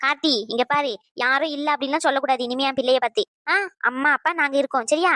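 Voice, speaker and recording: A caring middle-aged mother from a cartoon, voiced by a woman, reassuring and a little bossy. She talks fast in a fairly high voice, and the close, dry recording adds no room sound. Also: fairly even intonation, a bit bright, no echo. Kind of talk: cartoon voice acting.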